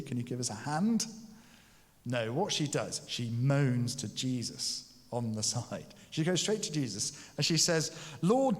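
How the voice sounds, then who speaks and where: Jokey preacher in a reverberant church. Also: male voice, mid-range voice. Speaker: pastor. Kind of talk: sermon.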